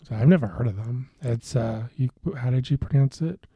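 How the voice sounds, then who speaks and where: A man co-hosting a podcast in casual beer-tasting chat, relaxed and hesitant, with many fillers and restarts. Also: mid-range voice, moderate pace, slightly rough, no room sound. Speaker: podcast co-host.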